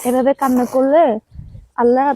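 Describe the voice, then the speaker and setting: A woman's voice: high voice, flat delivery, moderate pace, dark tone, slightly rough. A woman comforting crying children on camera, soothing and pleading, repeating short phrases. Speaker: vlogger comforting orphaned children. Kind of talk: emotional on-camera address.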